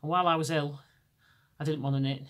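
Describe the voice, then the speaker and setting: Hosting a podcast in casual conversation, a middle-aged English woman with a Lancashire accent talks fast in a steady tone. Laryngitis has left her naturally deep voice hoarse, and she rambles through many restarts.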